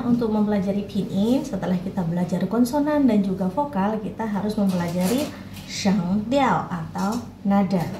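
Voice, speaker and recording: A woman teaching a Mandarin lesson, patiently modeling each tone slowly and clearly for learners. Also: mid-range voice, mellow. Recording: echoey room, faint background noise.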